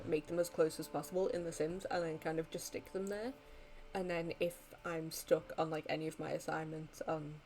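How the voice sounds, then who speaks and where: Young female streamer, worn out, rambling casual sign-off, slightly low pitch. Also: darkish tone, slight background noise, rough recording. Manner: rambling, many ums and likes. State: tired. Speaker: live streamer. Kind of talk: casual end-of-stream chat.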